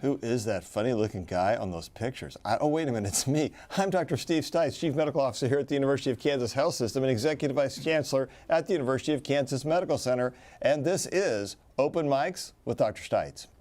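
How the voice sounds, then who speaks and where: A man's voice: medium pitch, fast, few pauses, darkish tone. A man hosting a health talk show as a hospital's chief medical officer, with self-deprecating asides.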